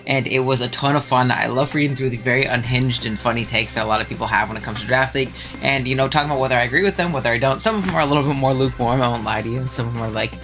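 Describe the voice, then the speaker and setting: A young channel host, stuffed up with a cold, talks very fast in a mid-range voice with few pauses, chatting animatedly about viewer takes over music. He's chatty, with frequent ums and laughs.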